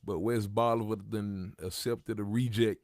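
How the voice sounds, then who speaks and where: Steady in tone and a little slow, a man in his thirties speaks in a lowish, slightly mellow, gravelly voice while hosting a livestream. He keeps it casual, uses street slang, and says things more than once, all in clean studio sound without echo.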